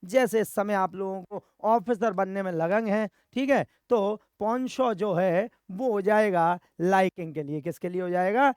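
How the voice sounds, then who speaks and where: A man with an Indian accent runs a vocabulary lesson for exam students. He drills each word, repeats himself and answers his own questions. His voice sits high and sounds smooth and clear, recorded close in a dry room. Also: a little slow, few pauses, darkish tone, no room sound. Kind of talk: Hindi-English vocabulary lesson.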